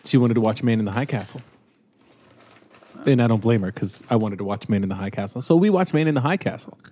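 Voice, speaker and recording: A man's voice: on the low side, animated, fast, mellow. A man in casual conversation, wry and questioning, thinking his points through aloud. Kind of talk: casual chat.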